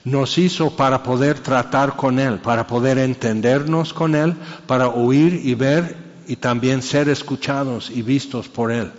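A man's voice: medium pitch, steady tone, measured pace, long reverb tail, highs cut off. A man preaching a sermon in a casual, joking way, acting out little scenes. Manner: conversational, acts out voices and jokes.

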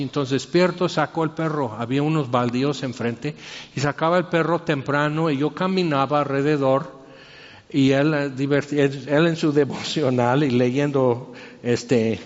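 A man giving an emotional personal testimony, halting and restarting his sentences often. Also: mid-range voice. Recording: reverberant hall, dull lo-fi sound.

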